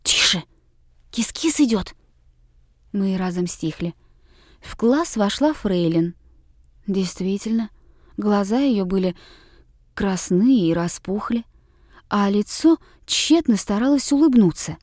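An audiobook narrator, a woman with a medium-pitched voice, reads scripted narration in a measured, even storytelling style. The recording is dry and clean, with studio quality.

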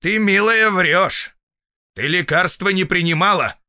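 A man's voice: medium pitch, animated, normal speed, bright, forceful tone, no room sound, pitched above the performer's own voice. A man doing a stern scolding village medic. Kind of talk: audiobook reading.

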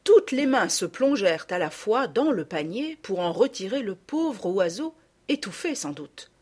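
A woman narrating a children's storybook in a lively, expressive reading. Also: medium pitch, a little slow, breathy edge.

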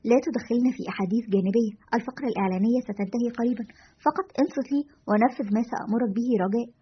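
A woman's voice: on the high side, very fast, breathy edge. A woman voicing a man radio host who speaks firmly and gives instructions. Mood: commanding. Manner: firm, instructing. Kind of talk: storytelling narration. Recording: lo-fi dull audio.

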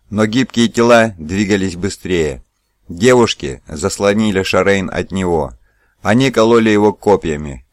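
A man with a rather low voice reads a novel aloud in a steady, measured storytelling manner. The recording is close and dry, with no echo. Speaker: narrator. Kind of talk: audiobook narration.

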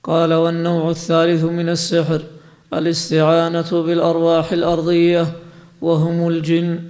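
Monotone man reading a text aloud. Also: fairly high pitch. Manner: measured, even recitation.

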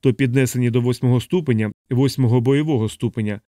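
A man voicing a sardonic young bomber captain in a hospital bed, speaking in a deadpan, mocking way. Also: mid-range voice, fast talker, dry recording, studio quality, lightly acted.

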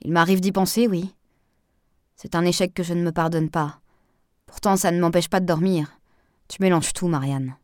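A woman voicing a reserved divorced man who speaks in a hushed, weary, restrained way, in an audiobook reading. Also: fairly low pitch, steady tone, normal speed, long pauses, no echo, studio quality, close to an everyday voice.

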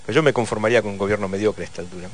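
A man with an Argentine accent hosting a casual radio chat, reading listener messages in a relaxed way with small laughs. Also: lowish voice, rapid-fire. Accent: Argentine Spanish. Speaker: radio host.

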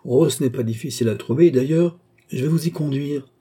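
A man's voice: mid-range voice, brisk, warm tone, husky, voice pushed up, lightly acted. A man doing a jovial young baker's boy. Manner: jovial, eager to help. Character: cheerful young baker's boy, friendly and eager.

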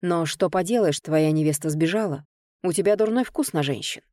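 A woman's voice: fairly low pitch, normal speed, warm tone, no room sound, clean studio sound, lightly acted. A woman voicing a spiteful, arrogant young man in an audiobook, speaking in a sneering, venomous way. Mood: taunting.

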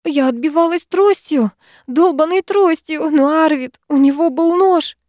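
A woman's voice: a little slow, a little mellow, no room sound, studio quality. Woman doing a panicked sobbing young woman. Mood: frantic. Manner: frantic, tearful high cries.

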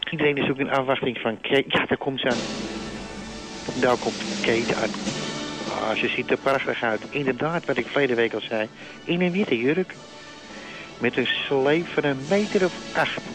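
A man with a mid-range, near-everyday voice speaks at a moderate pace over music, playing a gushing, starstruck male reporter bumbling through a comic fake live report from a royal wedding. The character is chatty, rambling and self-congratulatory, and the audio quality is poor.

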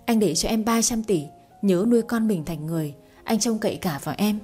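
A woman's voice: mid-range voice, lively intonation, brisk, warm tone, soft background music, natural voice. A woman voicing a tearful middle-aged man in debt in a read-aloud story.

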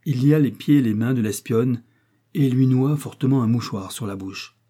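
Male audiobook reader, mellow husky tone, steady novel narration. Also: medium pitch, normal speed. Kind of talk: scripted narration of a wartime novel.

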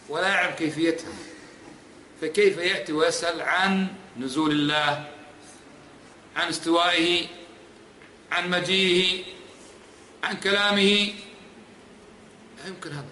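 A man's voice: high-pitched, normal speed, pauses often, sharp tone, a little hiss or hum. A man teaching as an Islamic scholar in a religious lecture, emphatic and repeating points, pressing the audience with rhetorical questions. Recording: echoey hall with faint ambience.

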